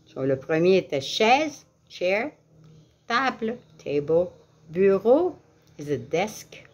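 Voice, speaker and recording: Slow, lively-voiced woman teaching French. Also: mid-range voice. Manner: slow, deliberate repetition of words for learners; switches between French and English glosses. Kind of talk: classroom lesson.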